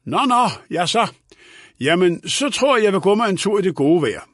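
A man's voice: sits high, animated, a bit bright, no echo, clean studio sound, voice pushed up. A man voicing a fussy senile old lawyer. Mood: querulous. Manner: querulous, scolding, raised voice. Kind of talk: audiobook character voice.

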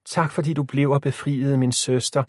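A man's voice: medium pitch, fairly even intonation, husky, dry recording, clean studio sound, pitched above the performer's own voice, close to an everyday voice. A man voicing a brave, protective teenage girl in an audiobook story, calling out urgently. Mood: grateful. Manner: shouting, urgent.

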